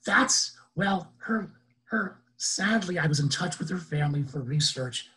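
A man's voice: on the high side, animated, a little slow, bright, forceful tone, low-quality recording. A man in his sixties, an enthusiastic guest speaker who laughs often, talking on a video call. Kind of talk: casual webinar talk.

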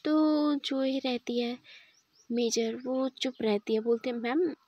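A woman's voice: high-pitched, slow pace, dry recording, lo-fi sound. A woman narrating a love story in a chatty, rambling way.

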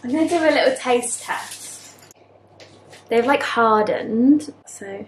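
A chatty woman in her twenties vlogs to a close handheld camera, her slightly high voice bouncing with upbeat exclamations. Her home kitchen gives the sound a roomy echo, with a faint hiss behind her. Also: slow. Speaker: vlogger. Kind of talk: casual chat to camera.

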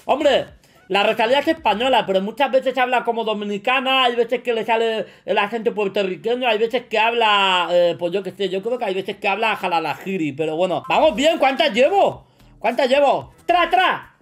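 A man with a Spain Spanish accent playing a quiz as a streamer, joking, boasting and breaking into shouts. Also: sits high, normal speed. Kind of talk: casual gaming commentary.

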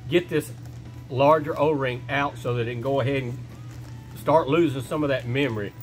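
A man's voice: medium pitch, moderate pace. A middle-aged man in his workshop, walking through a repair step by step in a casual, folksy way. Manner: plain step-by-step talk with folksy phrasing. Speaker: shop owner showing a repair. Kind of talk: casual how-to instruction. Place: indoor workshop. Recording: music playing underneath. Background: background music.

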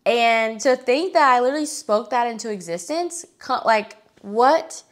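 A young woman vlogger chatting casually to camera, acting out quoted lines with lively jumps in pitch. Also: moderate pace. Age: young adult. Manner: chatty, lots of fillers, acts out quoted dialogue with bright pitch jumps. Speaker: fitness vlogger.

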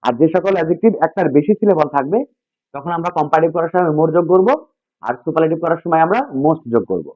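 A man whose voice is slightly high and expressive talks fast through an English grammar lesson, going back over key points and asking the students questions. The classroom exchange is call-and-response, recorded dull, dry and lo-fi with no room sound.

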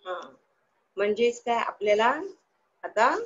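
A woman's voice: mid-range voice, slow pace, muffled recording. A woman teaching young children in an online class, asking the class questions and answering them herself in a sing-song, coaxing way.

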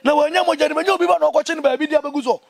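A young Ghanaian man giving an impassioned interview, speaking in an emphatic, indignant and animated way. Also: extremely high pitch, very fast, gravelly, dry recording. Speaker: interview guest, traditional priest. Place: outdoors among trees.

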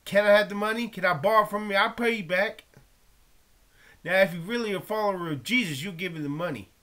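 Man critic, high pitched, preachy and confrontational, unscripted rant. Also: fairly quick, pushed and bright. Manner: preachy, confrontational, quotes old-style scripture aloud. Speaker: video critic reacting to a documentary. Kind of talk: impassioned off-the-cuff commentary.

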